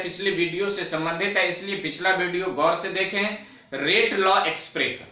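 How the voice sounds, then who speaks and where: A man teaching a chemistry lecture on video, dictating definitions slowly and repeating them word by word. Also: sits high, sharp tone, roomy sound, far from the mic, low-quality recording.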